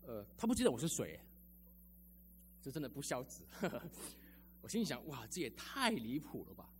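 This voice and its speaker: A man's voice: medium pitch, big pitch swings, moderate pace, soft background music. A man preaching a sermon as a pastor, telling personal stories in a chatty way with lots of sentence-final particles.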